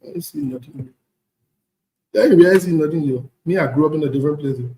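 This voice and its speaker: An Ivorian man with a West African accent and a fairly high, warm voice rants quickly about politics, slight background noise audible in the echoey room. He's blunt and indignant, repeating phrases for force, in the unscripted style of an online commentator.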